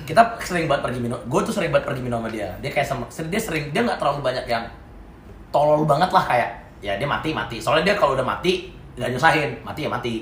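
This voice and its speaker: A young man telling a story as a podcast co-host, casual and slangy, acting out quotes with sudden loud bursts. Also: medium pitch, expressive, fast. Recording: echoey room, faint noise.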